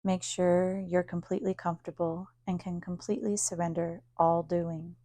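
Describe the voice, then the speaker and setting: A woman teacher guides a yoga nidra meditation in a calm, soothing, unhurried way, leaving long pauses. Her voice sits on the low side, and the recording has no room sound.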